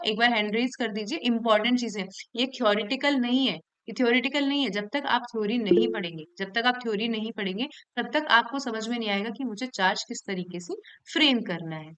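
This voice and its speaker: Woman teaching law, higher voice. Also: a bit bright, clean tone, rough recording. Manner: explains by repeating herself and asking the class questions; reads statute text aloud slowly. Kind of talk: classroom lecture.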